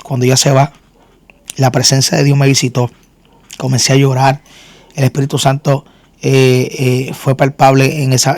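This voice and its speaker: A man's voice: medium pitch, a little mellow, dry recording. A man speaking earnestly in a faith interview, in an ordinary middle voice. He often restarts and repeats words as he gives his testimony. The sound is dry and close. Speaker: guest minister and singer.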